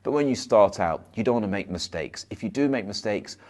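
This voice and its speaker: Male hypnotherapist, low-pitched, fast and slightly stumbling self-help delivery to camera. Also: lively intonation, darkish tone. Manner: rushes his words, occasional stumbles and repeats. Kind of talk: motivational advice monologue to camera.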